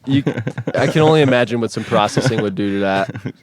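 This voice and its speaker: A man's voice: lowish voice, fairly quick, no echo. A man chatting as a podcast guest, laughing often and restarting his sentences as he talks. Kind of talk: casual podcast chat.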